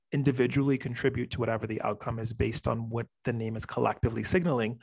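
Gravelly-voiced man from the Bahamas. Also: mid-range voice, no room sound. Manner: thoughtful, quick, animated when telling a story. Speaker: panelist, economist. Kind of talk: academic panel discussion. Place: home office on a video call. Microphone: large condenser mic on a stand.

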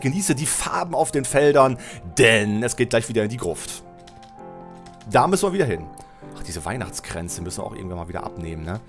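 A middle-aged Let's Play host with a cold, his voice lower than usual, casually comments on a building game as he plays, chatting, thinking aloud, correcting himself and addressing the viewer. He uses a headset mic at his desk with a webcam.

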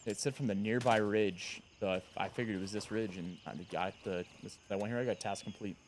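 A man's voice: lowish voice, steady tone, brisk. Man chatting over noisy voice chat. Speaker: teammate. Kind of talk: casual gaming chat.

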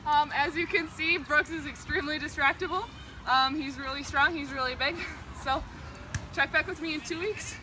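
A woman's voice: high voice, moderate pace, noisy background. A woman working as a dog trainer who talks casually to the camera, laughs often and gives short, repeated commands to a dog outdoors.

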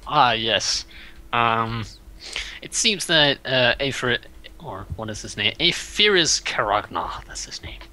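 A man's voice: medium pitch, animated, slow pace, bright, forceful tone, low-quality recording. A man running a tabletop game as game master, describing scenes hesitantly with many fillers and restarts. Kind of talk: narrating a tabletop game over a stream.

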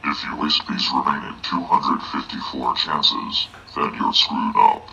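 A man's voice: rumbling low, fairly even intonation, measured pace, creaky, bright, forceful tone, dull audio, slight background noise, full character voice. A synthetic male voice playing a menacing robotic error entity that announces penalties. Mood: threatening.

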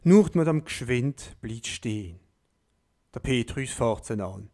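A man reading a dialect story aloud in a deliberate storytelling manner. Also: medium pitch, animated, mellow.

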